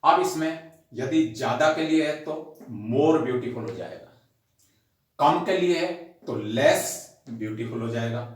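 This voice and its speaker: Male grammar tutor, slow and methodical, spells words out, very echoey room. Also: on the high side. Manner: slow and deliberate, spells words out letter by letter and repeats each rule; addresses the class directly as students. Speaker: English grammar teacher. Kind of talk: recorded grammar lesson.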